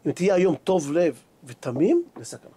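A man's voice: a little high, breathy edge. A man, a rabbi, giving a sermon and telling a story, acting out both sides of a conversation. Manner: animated storyteller acting out dialogue. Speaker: rabbi giving a Torah lesson. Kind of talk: Hebrew sermon with stories.

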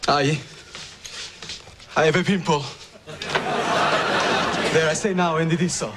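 A vain, dramatic Italian assistant. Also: male voice, a little high, steady tone, takes it slowly. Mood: melodramatic. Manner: melodramatic, self-adoring, theatrical outbursts. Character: vain excitable Italian male office assistant Stefano. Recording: noisy 1990s TV sitcom soundtrack.

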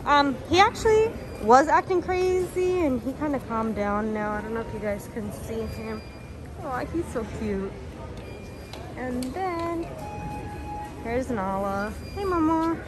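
A woman's voice: sits high, animated, a little slow, music in the background. A woman chatting casually to a handheld phone camera in a travel vlog, full of fillers and cooing at her pets. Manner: chatty, filler-heavy, coos at the cats. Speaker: pet vlogger. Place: airport and rental car. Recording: noisy phone recording in transit.

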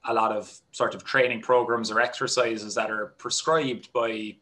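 A man's voice: mid-range voice, normal speed, low-quality recording. A man in his thirties with an Irish accent, a strength coach explaining his work steadily over a headset on a video call. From Ireland. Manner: steady explanatory talk with many "kind of" fillers. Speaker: golf strength and conditioning coach. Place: small home room.

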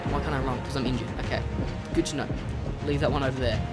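A host giving let's-play game commentary, excitable, scolding and coaxing the animals on screen, recorded at a desk mic. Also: mid-range voice, quick pace. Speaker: gaming channel host. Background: game music.

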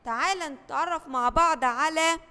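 A woman teacher with an Egyptian accent gives a lesson to first graders, asking questions, answering them herself and drawing out each model word slowly. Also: sits high, bright, forceful tone, big-room sound. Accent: Egyptian Arabic. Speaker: primary school teacher.

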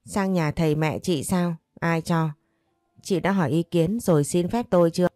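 A woman's voice: lowish voice, moderate pace, dark tone, dry recording, studio quality, soft background music, close to an everyday voice. A woman voicing a harsh, spiteful older first wife who scolds and sneers. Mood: sneering.

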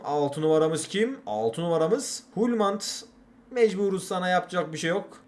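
A young man hosting a gaming channel, giving chatty, exasperated commentary while playing a football game. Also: sits high. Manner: exasperated, chatty, keeps repeating catchphrases.

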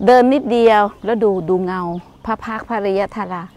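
An older woman leading a walking tour outdoors, explaining gently and motherly, calling the listener her child. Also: a little high, fairly even intonation, fairly quick. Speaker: meditation center leader. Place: outdoors on hillside grounds.

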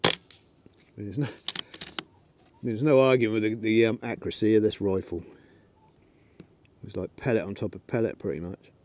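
Out in a windy field, a middle-aged man from England talks to his dogs and fires an air rifle, chatting casually. His voice is on the low side with fairly even intonation, normal speed, and long pauses, recorded by a tripod camera that later becomes handheld.

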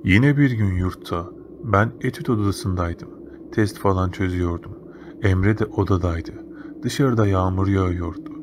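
A man's voice: low voice, measured pace. A man narrating a first-person horror story in a casual, slangy, matter-of-fact way. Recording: noticeable background noise.

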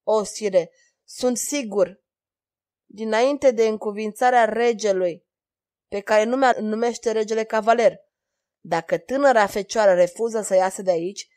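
A woman reading the part of a young knight who is calm and loyal and speaks in a grave, measured tone. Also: fairly high pitch, close to an everyday voice.

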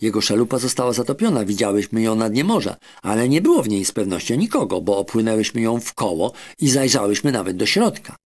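A man's voice: on the low side, lively intonation, fast talker, hardly any pauses, darkish tone, husky. A man voicing a chatty pod of gossiping dolphins in a children's audiobook. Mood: reassuring.

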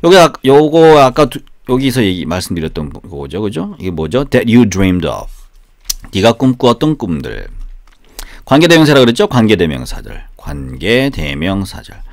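A man's voice: fairly low pitch, sing-song, moderate pace. A man teaching English in a casual, chatty way, often asking rhetorical questions and repeating phrases. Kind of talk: casual spoken English lesson with sung examples. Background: guitar.

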